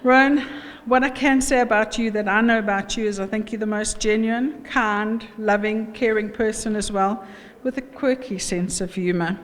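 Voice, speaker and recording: A middle-aged South African woman gives an informal wedding toast as mother of the bride, chatty, jokey and halting. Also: mid-range voice, steady tone. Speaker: mother of the bride giving a speech. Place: wedding reception room. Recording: echoey hall, background noise.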